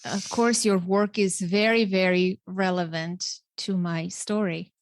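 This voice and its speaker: An Armenian-accented podcast host in her forties speaks unhurriedly, her low-leaning voice holding a fairly even intonation with no echo. Earnest and emphatic, she handles the introduction and interview portions of the show.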